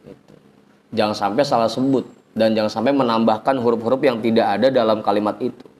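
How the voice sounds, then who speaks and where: A man teaching an informal religious lesson, chanting Arabic phrases slowly, then explaining in a chatty, teasing way. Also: on the low side, fairly even intonation, darkish tone. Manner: chatty, teasing the audience, colloquial asides. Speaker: ustadz teaching a religious study circle.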